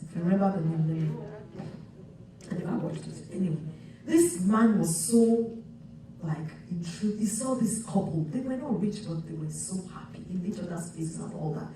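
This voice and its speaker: A woman's voice: fairly low pitch, dark tone, slight background noise. Woman preaching in an echoey hall. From Nigeria. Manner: conversational storytelling with many restarts and asides. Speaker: pastor. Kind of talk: sermon. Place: church sanctuary. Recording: echoey church hall picked up from far off.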